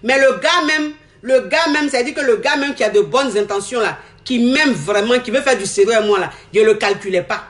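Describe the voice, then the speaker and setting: Animated woman telling her own story. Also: on the high side, fairly quick, few pauses. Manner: animated, repeats herself, acts out quoted talk. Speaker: woman giving a testimony. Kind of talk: candid personal storytelling.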